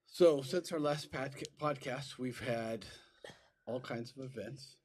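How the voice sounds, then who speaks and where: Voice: mid-range voice, unhurried. A podcast co-host chatting casually, with dry, teasing remarks and repeated words while finding the phrase. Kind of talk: casual chat.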